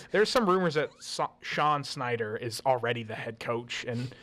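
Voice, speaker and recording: A man's voice: medium pitch, expressive, unhurried, fairly bright tone. Joking young man talking college football. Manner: joking, restarts often. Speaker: co-host. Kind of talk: casual sports talk.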